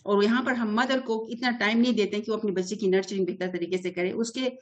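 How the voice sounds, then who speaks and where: A woman's voice: mid-range voice, fairly even intonation, quick pace, dull audio. A middle-aged woman, an early childhood development expert giving an earnest interview answer that is full of English terms and short hesitations. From Pakistan.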